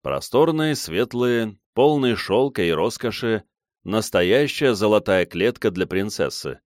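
A man giving expressive first-person audiobook narration. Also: on the low side, unhurried, no room sound, clean studio sound.

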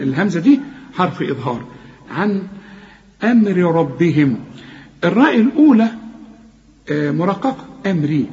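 A man with an Egyptian accent teaching Quran recitation, stopping a student to correct each sound and modelling words slowly, often exasperated. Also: on the high side, darkish tone, dull audio, slight background noise. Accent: Egyptian Arabic. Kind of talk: tajweed lesson correcting a student.

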